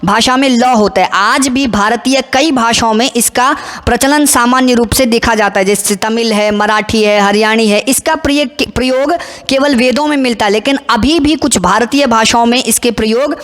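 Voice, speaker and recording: A woman's voice: fairly high pitch, moderate pace, a bit bright, long reverb tail. A woman explaining Sanskrit letters as a teacher, methodically listing and counting them one by one. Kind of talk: explanatory lesson.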